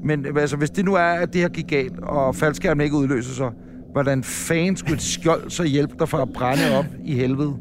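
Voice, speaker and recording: A high-voiced man hosts a casual chat, loud and excitable, almost shouting as he tries out a space simulator. Clear background noise runs under his voice in the museum. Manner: loud, excitable, shouting while wearing VR goggles. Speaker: podcast host.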